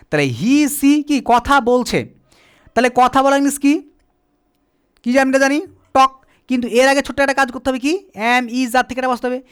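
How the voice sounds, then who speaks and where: Patient male teacher quizzing himself. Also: very high voice. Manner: asks and answers his own questions; slowly spells out words letter by letter. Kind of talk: spoken English grammar lesson.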